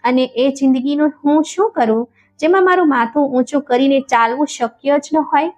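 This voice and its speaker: Woman playing despairing young son, shouting in grief, high voice, dull sound, faint music. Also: moderate pace, lightly acted. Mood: anguished shouting. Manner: crying out in despair. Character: young adult son, anguished and ashamed.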